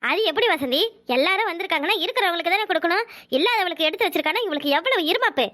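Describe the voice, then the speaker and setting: A woman voicing a sharp-tongued, indignant young housewife in a Tamil cartoon, with a Kanyakumari Tamil accent. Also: very high voice, lively intonation, rapid-fire, exaggerated voice. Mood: scolding. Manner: scolding, sarcastic.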